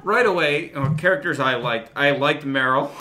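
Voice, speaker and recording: A man's voice: a little high, moderate pace, background noise. A man chatting as a podcast guest, loose and talkative with lots of fillers. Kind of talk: casual chat.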